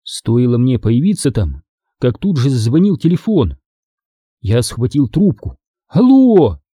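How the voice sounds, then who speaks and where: A man's voice: mid-range voice, very animated, unhurried, warm tone, slightly rough, no room sound, studio quality. A man narrating a first-person audiobook expressively.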